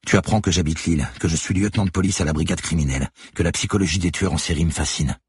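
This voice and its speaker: A man's voice: sits low, fast, slightly rough, no room sound, clean studio sound. Man reading a relentless, accusing woman detective. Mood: accusing, cold. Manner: steady, methodical accusation. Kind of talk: audiobook character voice.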